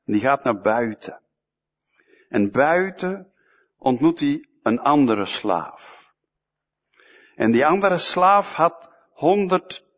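A man preaching a sermon, emphatic and fond of repeating short phrases, in a church hall, with a dull, echoey sound. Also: medium pitch.

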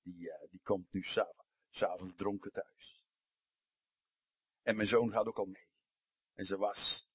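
A man preaching a sermon and telling stories, dropping to a hush and then rising to emphatic outbursts. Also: deep voice, fairly even intonation, unhurried, pauses often, slightly rough, dry recording, dull audio. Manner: storytelling, swings from hushed to emphatic.

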